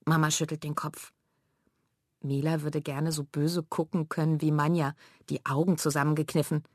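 A woman reading a children's story aloud in a lively, expressive way. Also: low-pitched, moderate pace, dry recording, clean studio sound. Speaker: narrator.

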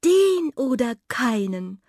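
A young female cat, head over heels in love, gushes in a high, breathy voice that leaps up and down, as a woman reading a bedtime radio story puts her on. She sounds breathless and starry-eyed. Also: big pitch swings, takes it slowly, dark tone, no room sound, studio quality, heavily acted. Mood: lovestruck.

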